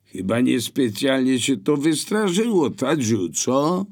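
A man's voice: mid-range voice, very animated, slow, pitched above the performer's own voice, full character voice. A man voicing an impatient male burglar accomplice who speaks curtly, calling out from a distance. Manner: curt, shouting from afar.

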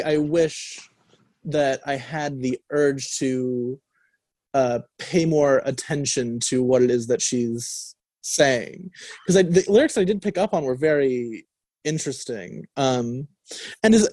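Taking his time, a young college radio co-host chats casually about a record in an expressive, slightly high and somewhat mellow voice. He uses many fillers and restarts; it's a studio-mic recording in a radio studio with no echo.

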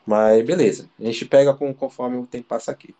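A man from Brazil talks as an interview guest, his voice mellow and relaxed in tone. He tells his story casually and loosely, with plenty of slang, fillers and false starts. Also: mid-range voice, fairly quick, poor audio. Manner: slangy, rambling, full of fillers and restarts. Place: living abroad in Ireland.

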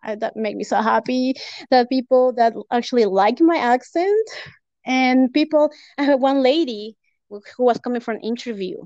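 High-voiced woman. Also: moderate pace, dry recording. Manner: earnest, warm-hearted, laughs between phrases. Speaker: podcast guest. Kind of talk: casual chat. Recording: dull, dry lo-fi recording.

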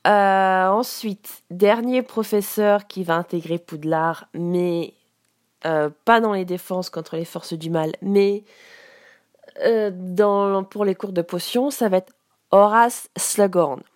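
A woman giving a casual spoken lesson as a teacher, explaining slowly with frequent hesitations. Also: mid-range voice, darkish tone, dry recording, clean studio sound. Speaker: English teacher.

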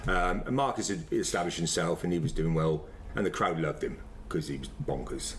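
Deep-voiced middle-aged man reminiscing. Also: noisy background. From Wiltshire, England. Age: 50s. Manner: rambling, halting, repeats phrases. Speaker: former semi-professional footballer being interviewed. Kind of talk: casual reminiscing chat.

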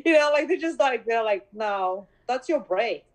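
A woman in her thirties telling a story in casual podcast chat, animated, acting out dialogue and laughing often. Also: fairly high pitch, moderate pace, poor audio. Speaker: podcast co-host.

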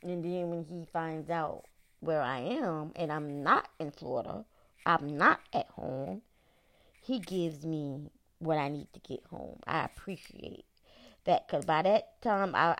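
Gravelly woman ranting bluntly. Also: low voice. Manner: blunt, profane, venting with bursts of laughter. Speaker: podcast host ranting. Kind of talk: casual ranting monologue.

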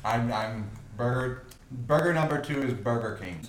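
A man's voice: mid-range voice, moderate pace, slight background noise. A man as a blindfolded contestant, bantering casually with mock-serious trash talk. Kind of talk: casual banter between bites. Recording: roomy echo.

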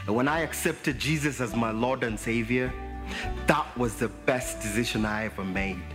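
A man from Kenya giving a calm, measured personal testimony in a video. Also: mid-range voice. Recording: video with music underneath. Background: guitar music.

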